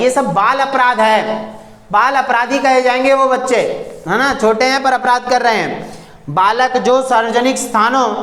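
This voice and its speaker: A man's voice: high voice, a bit bright. A man teaching a textbook lesson, reading passages aloud and then breaking them down in everyday words. He addresses his students firmly and tells them directly what to remember. The voice rings in an echoey room. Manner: reads textbook lines, then restates them in plain words.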